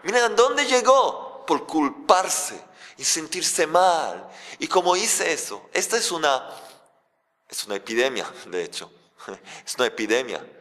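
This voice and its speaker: Animated preaching man in a reverberant hall. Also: fairly high pitch, a little slow. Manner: animated preaching, rhetorical questions. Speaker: rabbi. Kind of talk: sermon.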